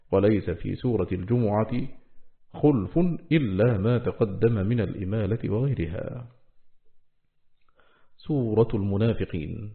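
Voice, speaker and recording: A man reading a classical scholarly text aloud in a measured recitation, slowing down to spell out each quoted word. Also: lowish voice, narrow, tinny audio. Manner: slows to spell out quoted words.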